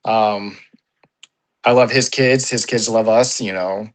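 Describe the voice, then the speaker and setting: A man's voice: on the low side, fairly even intonation, takes it slowly, low-quality recording. A man talking as an interview guest, rambling and swearing freely, with constant "you know" and "like". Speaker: paintball player, interview guest. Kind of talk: casual interview.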